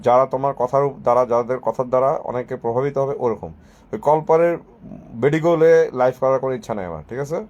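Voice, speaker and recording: A man's voice: mid-range voice, a little fast, darkish tone, muffled recording. A man talking on his own live stream, mocking and sarcastic, dropping English phrases into his speech. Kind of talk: casual live-stream monologue.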